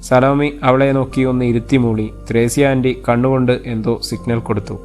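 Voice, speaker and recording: A man's voice: mid-range voice, fairly even intonation, a little fast, darkish tone, faint music behind. A man narrating a romance audio novel, reading all the characters' lines in his own voice. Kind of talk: storytelling narration with acted dialogue.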